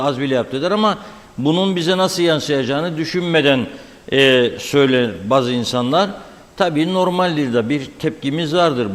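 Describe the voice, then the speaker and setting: A male host interviews a guest; his voice rings with a strong cave-like echo. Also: mid-range voice. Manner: questioning, reflective. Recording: echoey, long-reverb remote connection.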